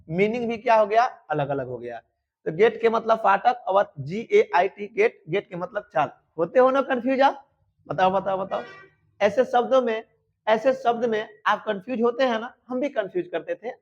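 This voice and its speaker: A man teaching an exam-prep grammar lesson, repeatedly asking his students questions and answering them himself. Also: high voice. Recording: dull lo-fi sound.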